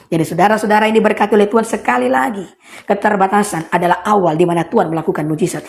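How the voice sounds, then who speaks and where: A woman's voice: mid-range voice, darkish tone. A woman preacher giving a livestream sermon, speaking emphatically, repeating her points and addressing listeners directly. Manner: emphatic, repetitive, addresses listeners as brothers and sisters.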